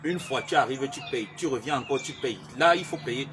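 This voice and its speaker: A man's voice: mid-range voice, brisk. A man chatting casually and jokingly to his viewers, repeating himself as he talks. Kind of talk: casual chat reacting to viewers.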